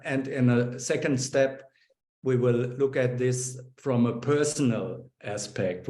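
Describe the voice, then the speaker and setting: A man hosting an online webinar speaks slowly and haltingly, stopping often on fillers and restarts. His voice comes through a video call with a noticeably echoey room around it. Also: medium pitch, darkish tone. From Germany. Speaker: webinar host. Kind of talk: hesitant opening remarks on a video call.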